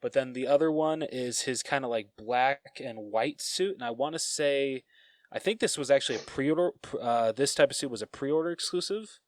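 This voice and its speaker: A man co-hosting a relaxed podcast, rambling a little as he talks and laughing at himself. His voice sits at an ordinary pitch and is recorded dry and close, with no room around it. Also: normal speed, no echo. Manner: rambling, self-deprecating, laughs often. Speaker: podcast co-host. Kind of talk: casual chat.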